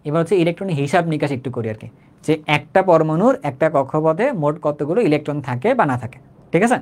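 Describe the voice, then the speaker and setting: Male tutor, rapid and chatty online lecture, keeps asking if it's clear. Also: on the high side, animated, darkish tone. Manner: conversational, repeats phrases, checks understanding often. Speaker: chemistry teacher.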